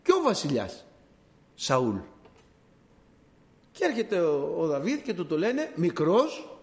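Animated male preacher. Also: on the high side. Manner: animated storytelling, addresses listeners as dear brothers. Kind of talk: sermon.

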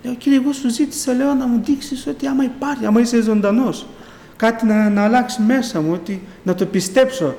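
With an extremely high, creaky yet mellow voice, a middle-aged man delivers a rambling faith testimony in church, saying "I say" again and again as he retells. The recording comes from an echoey hall with long reverb.

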